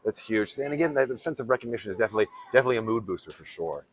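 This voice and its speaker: Fast-talking, enthusiastic convention interviewer. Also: mid-range voice, animated. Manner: enthusiastic, effusive, rambling with repeated words. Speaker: interviewer, YouTube host. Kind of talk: casual on-site convention interview. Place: busy fan convention.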